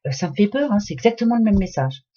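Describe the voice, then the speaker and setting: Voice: mid-range voice, sing-song, fast, mellow, slightly rough, dull audio. A tarot card reader giving a casual, chatty astrology reading in French, padding every phrase with hein and voilà and repeating key words for emphasis.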